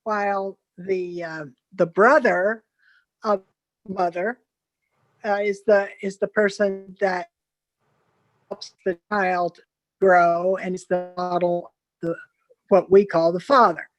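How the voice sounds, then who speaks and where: A woman speaking as a guest on an online panel over a video call, her audio choppy and cutting out, halting and searching for words. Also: medium pitch, fairly even intonation, dry recording, dull audio. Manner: halting, searching for words with many pauses and fillers. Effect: choppy video call audio that keeps cutting out.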